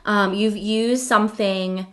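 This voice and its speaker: A woman's voice: medium pitch, steady tone, slow pace, a bit bright. A woman teaching other teachers on a casual live stream from her home office, chatty, laughing often and stopping to correct herself. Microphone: computer webcam mic.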